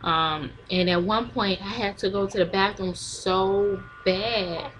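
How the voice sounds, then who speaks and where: A woman's voice: medium pitch, steady tone, slow, fairly bright tone, poor audio. A young woman tells viewers a story in a casual, chatty vlog, laughing often. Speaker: vlogger.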